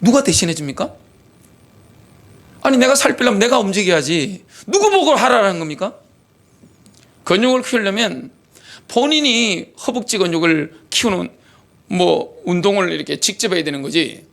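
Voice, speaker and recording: A man's voice: high voice, expressive, normal speed, vocal fry, long pauses, fairly bright tone. A middle-aged man, a pastor, preaching a sermon animatedly with many rhetorical questions. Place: church sanctuary.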